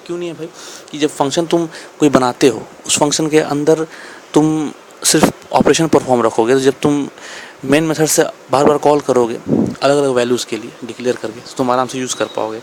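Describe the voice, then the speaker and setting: A man explains programming in an unhurried, chatty way. He circles back over each point and answers his own questions. His pitch sits in the middle, with a faint hiss behind him. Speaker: programming teacher. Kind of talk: casual explanatory lecture.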